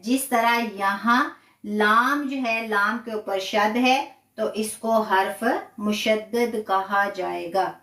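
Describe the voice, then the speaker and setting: A woman's voice: fairly high pitch, a bit bright, roomy sound. A woman teaching Quran recitation rules, patiently repeating each term and asking herself questions. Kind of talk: slow step-by-step tajweed lesson. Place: live stream from a room.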